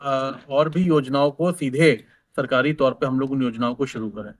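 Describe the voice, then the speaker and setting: A man's voice: medium pitch, steady tone, moderate pace, no echo. A man, a government official, answering press questions in an explanatory way, with many fillers and restarts.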